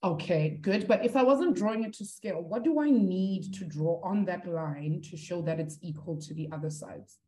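Casting: woman as an online maths teacher, warm low voice, encouraging. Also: moderate pace, few pauses, slight background noise. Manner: encouraging, talks to students through the chat. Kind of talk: live online maths lesson.

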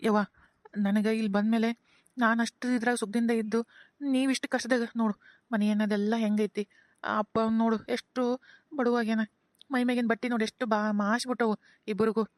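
A woman's voice: on the high side, level tone, fairly quick, long pauses, no echo, studio quality, lightly acted. A woman voicing an earnest young son. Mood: pleading. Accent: North Karnataka. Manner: earnest, pleading. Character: young married son, earnest and guilt-ridden. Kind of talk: cartoon voice acting.

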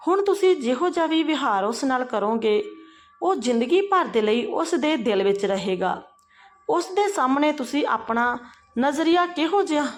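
A woman voices a caring, perceptive, persistent sister-in-law in a family story, earnestly questioning and advising her. Her voice sits high, and her mood is earnest and admonishing.

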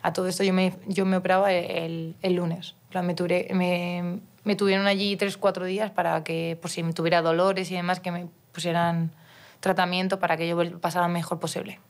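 Speaking a little fast in a lowish, flat voice, this young woman from Mallorca, Spain, is a professional footballer appearing as a podcast guest. She recounts a personal story casually, with frequent restarts and bits of quoted dialogue.

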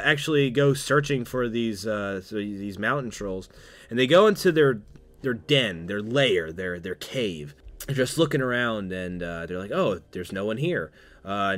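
Young male guest, mid-pitched, loose rambling delivery with lots of restarts and laughs. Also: animated, normal speed, no room sound. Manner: rambling, full of fillers and restarts, laughs often. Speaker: podcast guest. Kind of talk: casual movie recap chat.

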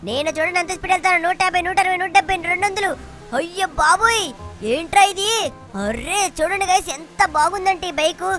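A woman voicing a cheeky, mischievous little boy who shouts and brags while playing a video game. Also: very high-pitched, fast, faint music behind. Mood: excited boasting. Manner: shouty, bragging, teasing. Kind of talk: GTA game play-along voicing.

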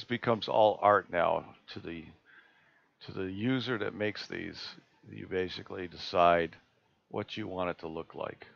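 A man presenting a live screen-share tutorial on a video call, talking in a relaxed, halting way with many fillers and restarts. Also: low-pitched, vocal fry. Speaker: astronomy club presenter. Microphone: computer mic on a video call. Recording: dull lo-fi video call audio.

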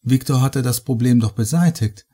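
A man reading a horror story aloud in a measured storytelling manner. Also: medium pitch, mellow, breathy edge. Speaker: audiobook reader. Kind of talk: scripted horror narration.

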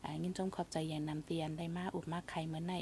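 A woman talks on a radio show in a low, creaky voice, reflective and advising. A faint hiss runs underneath her. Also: little pitch movement, rapid-fire, a little mellow. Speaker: radio host. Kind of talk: casual radio talk.

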